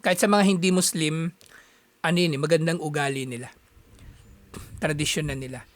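A man's voice: fairly high pitch, fairly even intonation, no echo. A man teaching a religious lesson as a casual story, in a chatty way that halts often to find his words. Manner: conversational, halting with frequent fillers. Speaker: Islamic teacher.

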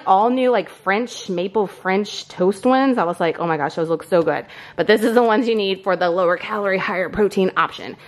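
A woman in her thirties chatting casually through a grocery haul in her home kitchen. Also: fairly low pitch. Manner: chatty and upbeat, quick asides. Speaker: vlogger.

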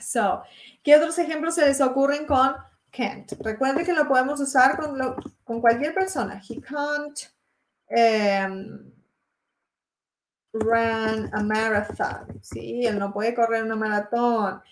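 She's a young Argentine teacher with an Argentine Spanish accent and a high-pitched voice, giving a live online English lesson. The room is echoey with slight background noise, and she drills examples slowly while confirming students are following.

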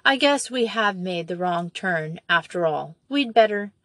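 A woman's voice: on the low side, expressive, unhurried, fairly bright tone, dry recording. A woman voicing a frightened young girl who tries to sound firm and brave. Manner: urgent, trying to sound firm.

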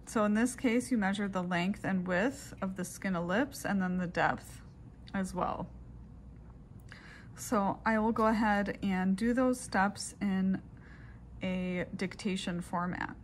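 Woman giving instructions, noisy room. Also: medium pitch. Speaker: pathology lab instructor. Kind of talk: instructional step-by-step demonstration narration. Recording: clearly noisy room recording.

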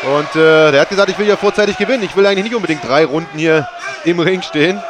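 A man's voice: a little high, quick pace. A man giving live sports commentary on a fight as a commentator. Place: large indoor sports arena. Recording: noisy arena with loud crowd.

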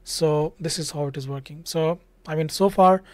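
A man's voice: fairly high pitch, normal speed, a little mellow, no room sound. A young man hosting a screen-share coding tutorial, talking casually with lots of "just" and "like" into a studio mic at home. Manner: casual, repeats fillers like "just" and "like". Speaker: tech tutorial host. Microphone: studio mic on a stand in front.

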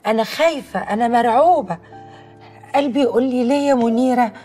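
A woman's voice: on the high side, fast talker, dark tone, soft background music, lightly acted. An actress playing a devoted adult daughter who speaks with heartfelt emotion to her mother in an Egyptian TV drama, with an Egyptian accent. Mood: pleading. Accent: Egyptian Arabic. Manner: pleading, heartfelt.

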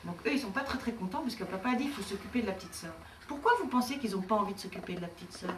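A woman's voice: mid-range voice, expressive, rapid-fire. A woman teacher reading a picture book to small children, asking them questions in an encouraging, sing-song way. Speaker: preschool teacher. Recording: roomy room, far from mic, faint noise.

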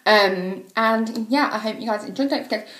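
A woman's voice: fairly high pitch, moderate pace, fairly bright tone. Chatty woman gushing in an echoey room. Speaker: beauty vlogger. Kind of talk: casual makeup swatch chat to camera.

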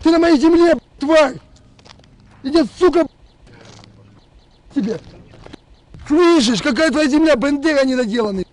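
Speaking a little slowly with long pauses, this very high-pitched man in his thirties, a Donbas militia commander, angrily threatens and insults someone on a phone call. He's outdoors on a road, recorded by a camera several meters off.

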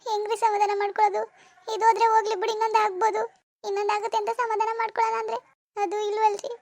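For an animated cartoon, a woman voices a grieving, defensive mother-in-law, moving from wailing laments to stern rebukes. Her extremely high-pitched voice races along with no room sound.

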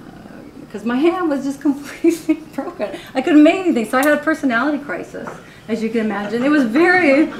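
A woman artist with a voice on the high side gives a casual gallery talk about her own artworks in a college art gallery. She's candid, laughs often, and says "you know" a lot. The live recording is roomy with faint noise.

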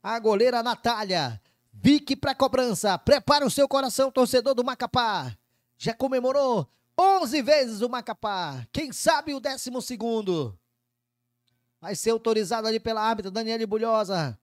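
High-voiced Brazilian male football commentator. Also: animated, moderate pace, no room sound, studio quality. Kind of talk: live play-by-play commentary.

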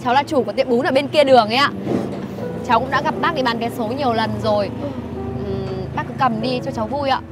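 An actress as a kind young noodle shop owner. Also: female voice, on the high side, quick pace, natural voice. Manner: gentle, polite, reassuring. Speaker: actress in web drama. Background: music.

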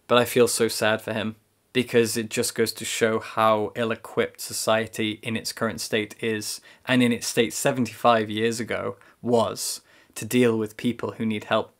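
Emphatic young man reviewing a book. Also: fairly low pitch. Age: young adult. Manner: emphatic, repeats words and phrases for stress. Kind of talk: casual book review to camera. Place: small room indoors with bookshelves.

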